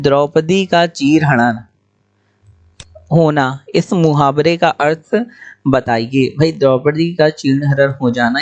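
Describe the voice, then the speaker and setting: A young man teaching exam questions, explaining each answer briskly and repeating key points. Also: a little high.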